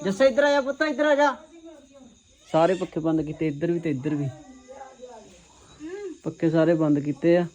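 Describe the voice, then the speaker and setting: A man's voice: a little high, dark tone. A man narrating a casual family vlog at home. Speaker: family vlogger. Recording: faintly noisy home recording.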